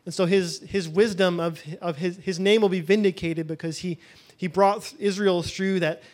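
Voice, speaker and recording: A man's voice: sits high, steady tone, normal speed, darkish tone. A man teaching a Bible session in a loose, conversational way, thinking aloud as he goes.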